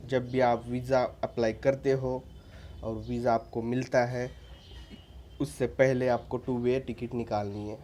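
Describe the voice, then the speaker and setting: Man vlogger, warm mellow voice, chatty and insistent, faint hiss behind. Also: mid-range voice, little pitch movement, a little slow. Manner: informal, repeats "ठीक है" as a tag, frequent restarts; earnest and insistent, addresses viewers as friends. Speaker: vlogger giving visa advice. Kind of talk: casual advice talk to camera.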